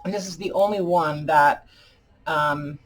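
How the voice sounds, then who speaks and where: A woman chatting casually as a craft video host, halting and deliberate, her speech slightly impeded by dentures as if her mouth were full of peanut butter. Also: sits low, poor audio. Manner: halting, deliberate, pausing often. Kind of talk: casual chat tutorial.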